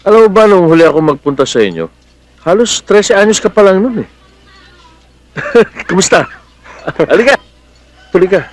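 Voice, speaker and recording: A man's voice: high voice, sing-song, normal speed, long pauses, no room sound. An actor playing a protective, hot-headed middle-aged policeman uncle in a Filipino film drama, with a Filipino accent and a blustery, affectionate manner. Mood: warm, delighted. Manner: blustery, scolding yet affectionate.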